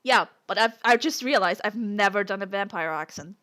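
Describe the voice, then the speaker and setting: A woman's voice: mid-range voice, normal speed, fairly bright tone. A woman streamer chatting casually and reading aloud, laughing often and mocking herself.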